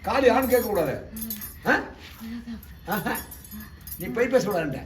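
A man's voice: sits high, animated, unhurried. A man with a Tamil Nadu accent leading an exorcism ritual, questioning the spirit sharply and giving commands, recorded from a distance in an echoey room with faint background noise. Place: temple shrine.

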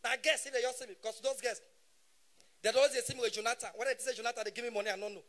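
Man, Nigerian Pidgin accent, stand-up comic, very high voice, bright edge, animated, shouts punchlines. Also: very fast. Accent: Nigerian Pidgin English. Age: 30s. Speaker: stand-up comedian.

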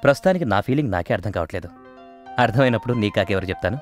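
An actor playing a generous office boss who announces pay rises in a comedy film. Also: male voice, on the low side, animated, racing, faint music behind, lightly acted. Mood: buoyant. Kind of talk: comic film acting.

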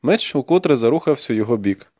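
A man narrating a fantasy novel in the first person with expressive, dramatic storytelling. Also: medium pitch, fast talker. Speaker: audiobook narrator.

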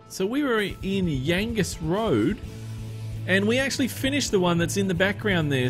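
A man with an Australian accent, hosting a gaming channel and chatting loosely while he plays, thinking aloud as he drives. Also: high voice. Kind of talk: casual let's-play commentary.

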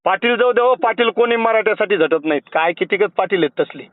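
A young man from Maharashtra argues his side insistently over a phone call, his voice pitched very high and his words coming fast. The line sounds thin and tinny, with a dry, close feel and no room sound. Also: dry recording. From Maharashtra, India. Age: young adult. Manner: insistent, argumentative, repeats himself. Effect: heard over a phone line. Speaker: kirtan preacher. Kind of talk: heated phone argument.

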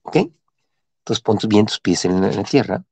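A middle-aged man guiding a body-movement and mantra session, giving calm repeated cues and chanting vowels for listeners to follow. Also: fairly low pitch, normal speed, breathy edge, no room sound. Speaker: meditation and breathwork guide.

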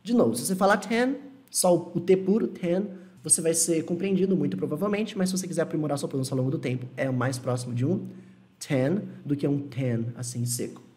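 Man teaching pronunciation in a relaxed, reassuring way. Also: on the high side. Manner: friendly, reassuring, repeats words slowly to model pronunciation. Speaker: English teacher. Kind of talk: casual online lesson.

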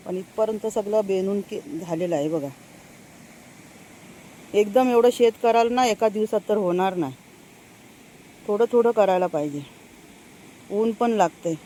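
A woman's voice: mid-range voice, warm tone, a little hiss or hum, low-quality recording. An older woman chatting casually to her viewers outdoors on a farm, talking to them often and laughing now and then. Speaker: farm vlogger. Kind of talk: casual vlog chat. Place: outdoors on a rural farm path.

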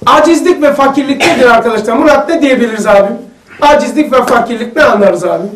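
A man with a very high voice leads an informal religious lesson, chatting and telling anecdotes to his group. He is recorded from a distance in a roomy, echoing space. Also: quick pace, a bit bright. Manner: chatty, storytelling, asks the group questions. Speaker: religious study circle leader. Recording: echoey room, mic far off.

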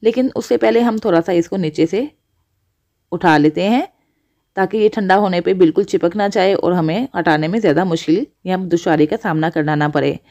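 Mellow-voiced woman explaining a recipe. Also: lowish voice, normal speed. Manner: steady step-by-step explaining to viewers. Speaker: cooking channel host. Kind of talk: voice-over recipe instruction.

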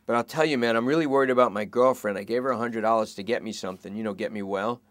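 A man's voice: mid-range voice, quick pace, dry recording, lightly acted. A man putting on a whiny, pleading junkie thief. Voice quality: pleading, rambling and self-pitying.

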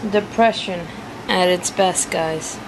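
A woman's voice: lowish voice, slow. A woman in her late twenties, half asleep, talking in a casual vlog and ranting in disbelief to her viewers. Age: late 20s. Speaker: vlog co-host. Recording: noisy handheld recording.

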